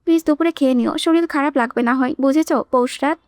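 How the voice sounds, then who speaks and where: A man's voice: extremely high pitch, quick pace, no room sound, studio quality. A woman voicing a doting husband on the phone. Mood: coaxing. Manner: coaxing, affectionate. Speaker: husband character.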